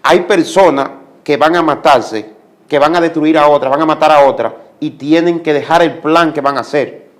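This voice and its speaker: A man's voice: a little high, normal speed. A man giving a religious testimony as a guest, speaking like a preacher and repeating commands for emphasis.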